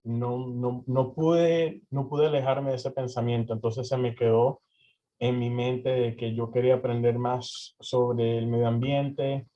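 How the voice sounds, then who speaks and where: A man's voice: medium pitch, flat delivery, unhurried. A young man from Venezuela answering interview questions, hesitant with many fillers and restarts. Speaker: interview guest. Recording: slightly dull lo-fi audio.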